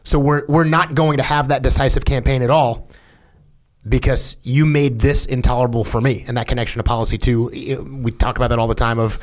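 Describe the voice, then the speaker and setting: A man in a podcast discussion who talks quickly and often stammers and restarts his sentences. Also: medium pitch, level tone. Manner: fast, with frequent restarts and stammers.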